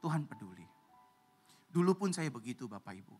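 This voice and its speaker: A man preaching a sermon as a pastor, animated and swinging from loud to hushed as he acts out other voices. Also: mid-range voice, brisk, husky, soft background music.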